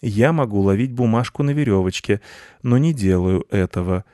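A man's voice: lowish voice, expressive, normal speed, warm tone, dry recording, studio quality, close to an everyday voice. A man voicing a lazy, self-important male house cat who lectures in a storybook reading. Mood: lecturing. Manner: pompous and lecturing.

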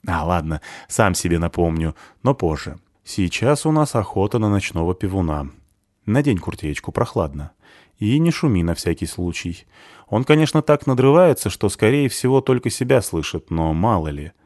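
A man voicing a gruff, sardonic ex-soldier who talks rough and dry while looking after a boy. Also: sits low, darkish tone, no room sound. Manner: dry, mocking, rough-spoken. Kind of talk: audiobook character reading.

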